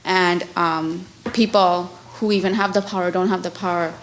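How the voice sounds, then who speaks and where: A woman's voice: on the low side, fairly even intonation, moderate pace, a little hiss or hum, low-quality recording. A woman who grew up in Bangladesh and Thailand, asking a panel a frank, informal question from the audience.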